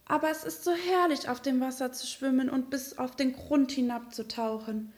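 A woman's voice: high-pitched, steady tone, normal speed, a little mellow, voice pushed up, natural voice. A woman voicing a sad, lonely young duckling in a fairy tale. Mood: plaintive. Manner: plaintive.

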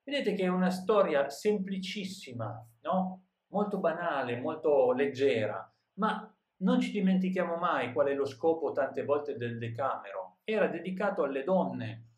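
A man's voice: on the high side, lively intonation, unhurried, hardly any pauses, roomy sound. A man teaching literature, reading an old tale aloud and then retelling each passage in everyday words, often adding a questioning "no?". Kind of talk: reading and paraphrasing a classic tale for a lesson.

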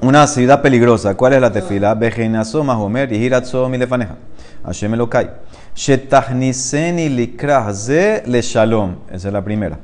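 A man leads a Talmud study class. He reads each Aramaic phrase slowly, then explains it in Spanish. He keeps asking his listener questions as he teaches. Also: medium pitch, a little mellow.

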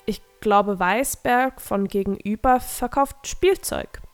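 A woman's voice: medium pitch, takes it slowly, clean tone, dry recording, soft background music. Fussy proud old creature man, lectures fondly, storybook voice, a woman reading, dry close sound. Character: big proud old male forest creature, gardener.

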